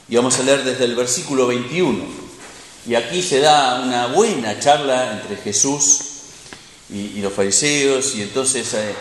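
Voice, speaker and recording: A man preaching a sermon, expressive and asking rhetorical questions. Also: medium pitch, slight background noise. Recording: echoey hall with long reverb.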